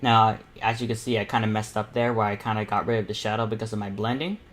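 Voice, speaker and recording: A fast-talking young man, teen or young adult, with a fairly low, slightly bright voice and fairly even intonation talks casually through a live painting tutorial. He's a panel host and self-taught artist who rambles a little and repeats himself, staying informal and encouraging.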